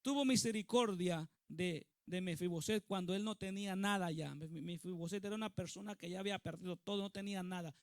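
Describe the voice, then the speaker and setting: A man's voice: high-pitched, fairly quick, few pauses, no echo, clean studio sound. A male pastor preaching a sermon with emphasis, often putting questions to the congregation.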